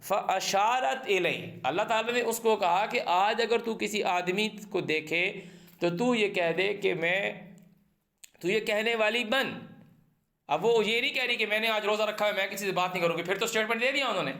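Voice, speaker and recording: A man with a high voice teaches a Quran lesson word by word. He recites each Arabic phrase and then explains it plainly in Urdu, often questioning the printed translation. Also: sharp tone.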